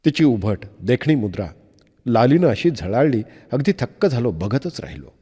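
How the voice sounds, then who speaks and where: A man narrating an audiobook novel with expressive, measured storytelling. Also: mid-range voice, husky. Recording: long reverb.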